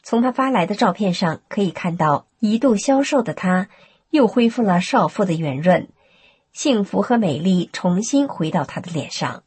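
A woman reading a first-person testimony aloud in a steady, earnest storytelling manner. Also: mid-range voice, normal speed, slightly rough, no room sound. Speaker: narrator.

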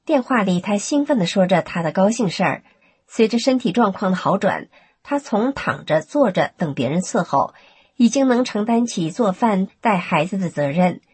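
Breathy woman narrating with lively pitch. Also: normal speed, dry recording. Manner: steady, earnest storytelling. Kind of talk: scripted first-person testimony reading.

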